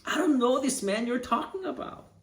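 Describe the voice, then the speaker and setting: A man's voice: huge pitch swings, moderate pace, gravelly, full character voice. A man voicing a panicked, blurting disciple. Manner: blurting, high and strained. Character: panicked frightened male disciple denying. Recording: roomy echo.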